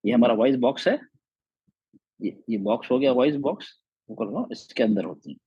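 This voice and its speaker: A man teaching tajweed in a patient classroom manner, sounding out syllables slowly and asking "okay?" after each point. His voice is dark and somewhat husky, recorded dry and a little dull. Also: mid-range voice, lively intonation, dry recording. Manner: checks in often with "okay?" and "theek hai?"; sounds out letters and vowels slowly to demonstrate. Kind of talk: classroom explanation with drawn diagrams.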